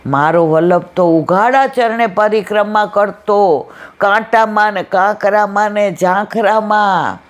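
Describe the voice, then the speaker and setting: A woman speaks at a satsang, telling devotional stories from her memories. Her delivery is slow and unhurried, in a middle-pitched voice. She briefly acts out the people in her stories as she quotes them. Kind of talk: devotional storytelling talk.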